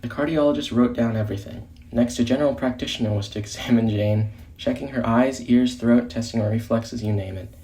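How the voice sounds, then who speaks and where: A man reading a story dramatically, narrating in a deliberate, theatrical way. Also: medium pitch, dark tone, husky.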